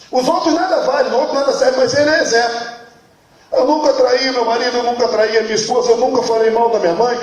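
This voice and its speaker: A man with a Brazilian accent, preaching a sermon as pastor and telling a joke with voices. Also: extremely high pitch. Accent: Brazilian Portuguese. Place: church hall. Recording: very echoey church hall.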